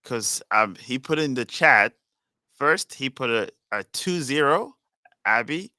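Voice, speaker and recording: A man hosting a casual podcast chat, relaxed and reading out comments from the live chat. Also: medium pitch, takes it slowly, no room sound. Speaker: podcast host.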